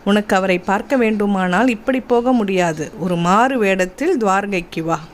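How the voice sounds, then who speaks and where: A woman's voice: medium pitch, normal speed, a little hiss or hum, close to an everyday voice. Woman voicing teasing sage Narada. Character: wandering male sage, teasing and knowing.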